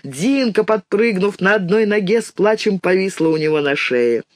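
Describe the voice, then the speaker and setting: A man narrating an audiobook in an even storytelling manner on a close mic. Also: high voice, moderate pace, no room sound. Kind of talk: scripted narration.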